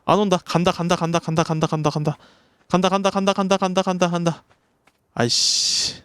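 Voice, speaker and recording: A man's voice: sits high, a little fast, clear, resonant tone, no echo. A man streaming a survival game, talking to his creatures and his chat and yelping when startled. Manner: excitable, yelps and swears when startled; talks to the creatures and the chat while playing. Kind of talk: live gameplay commentary.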